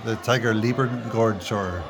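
A man's voice: fairly low pitch, moderate pace. A man hosting a casual interview, asking questions in a curious, chatty way. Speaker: interviewer, host.

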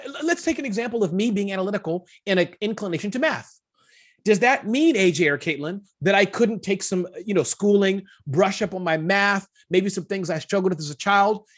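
Husky, animated male podcast guest. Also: sits high. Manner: animated, self-deprecating, lots of restarts. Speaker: guest entrepreneur. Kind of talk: casual podcast interview.

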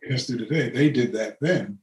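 A man's voice: mid-range voice, a little fast, reverberant, low-quality recording. An older man, a retired orchestral horn player, telling rambling anecdotes as an interview guest, laughing often and restarting his sentences. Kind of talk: relaxed storytelling conversation.

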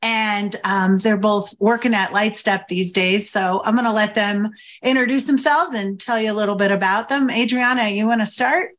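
A woman's voice: mid-range voice, normal speed, few pauses, fairly bright tone. A woman hosting a casual panel chat, upbeat as she reacts and introduces her guests. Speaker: host.

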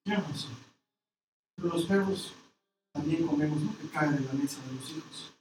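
Preacher doing a begging mom, low and hushed, roomy far-off sound. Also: brisk, lightly acted. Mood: humble. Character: desperate pleading mother. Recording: echoey hall, distant mic, noise.

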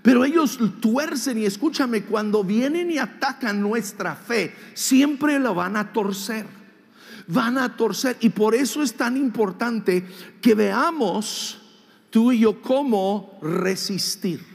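A man preaching a sermon as pastor, animated and emphatic, sometimes mimicking whiny voices and shouting for emphasis. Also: very high-pitched, slow pace, vocal fry. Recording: long hall reverb.

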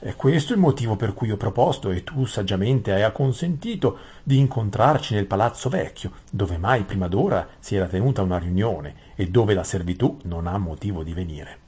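A man reading an audiobook voices a fawning old grand vizier who speaks in a flowery, flattering way, pitched above his own voice. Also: normal speed, hardly any pauses, husky.

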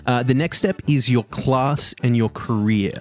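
A man's voice: medium pitch, a little slow. A man as game master, explaining rules in casual, filler-heavy chat.

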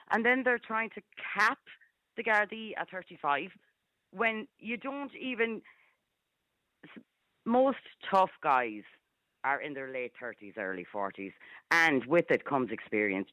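A woman's voice: deep voice, sharp tone, no room sound. A woman in her fifties with a Galway, west of Ireland accent, speaking bluntly and emphatically as a caller on a radio phone-in. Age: 50s. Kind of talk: casual, opinionated phone-in chat. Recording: dull phone line on radio.

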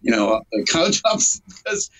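A man's voice: fairly high pitch, huge pitch swings, normal speed, fairly bright tone, rough recording. A man in his forties, a solo acoustic musician, chatting in a laid-back interview with lots of fillers and laughs, a bit congested from a cold. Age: 40s. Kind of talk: casual interview.

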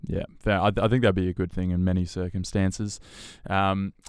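A man hosting a podcast interview with a low, smooth and resonant voice. He sounds upbeat and encouraging, and the recording is close and dry. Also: flat delivery, normal speed, no room sound. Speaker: podcast host.

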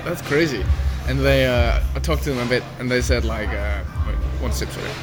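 A man's voice: medium pitch, fairly quick, loud music behind the voice. A young man hosts a casual, laid-back podcast chat over beers, swearing and dropping New Zealand slang. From Iceland. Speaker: podcast host.

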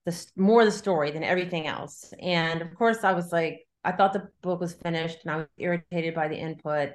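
A middle-aged woman, interviewed casually as a novelist about writing, rambles through her thoughts in loose, looping sentences. She speaks a little fast in a lowish voice.

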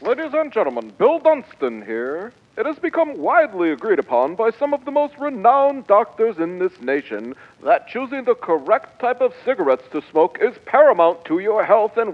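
A man playing a slick old-time radio announcer who narrates and sells in a smooth, salesy 1940s style. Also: high-pitched, full character voice. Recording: muffled lo-fi old radio sound.

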